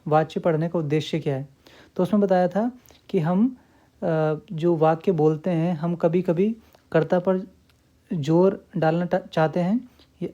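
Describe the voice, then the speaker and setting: Mellow male teacher, lo-fi. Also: a little high. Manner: repeats key points, asks and answers own questions; checks in often with the listener. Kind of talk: grammar lesson.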